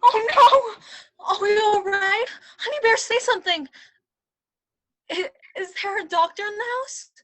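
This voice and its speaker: A woman's voice: very high voice, animated, slow pace, pushed and bright, exaggerated voice. A woman playing a melodramatic, childish, doting king in a broad stage comedy, over the top and given to wailing. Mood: wailing panic.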